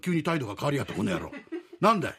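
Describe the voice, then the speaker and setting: A man's voice: mid-range voice, big pitch swings, very fast, breathy edge, full character voice. A man performing classical rakugo, voicing a brash, dim young gambler who puffs himself up and plays at being a boss. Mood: swaggering. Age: 20s. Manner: loud, blustering, puffed up, mimicking a boss.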